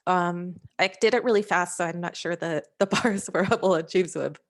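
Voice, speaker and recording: A woman gives a science overview over a video call, her low voice carrying a gravelly fry. She speaks in a halting, hesitant way and fills pauses with frequent ums and restarts as she walks through her slides. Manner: hesitant, many fillers and restarts. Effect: heard over a video call. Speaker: scientist presenting a working-group overview. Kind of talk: slide presentation.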